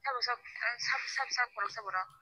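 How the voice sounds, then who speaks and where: A man answering a prank call, chatting casually and quickly, heard over the phone. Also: very high-pitched, pushed and bright, slightly rough, dry recording, poor audio. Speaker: person receiving a prank call.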